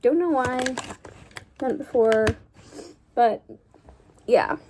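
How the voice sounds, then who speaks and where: A young woman chats casually on a drawing vlog while she draws, rambling and correcting herself in a fairly high-pitched, slow voice. She coughs slightly and says she is losing her voice. The background is noisy.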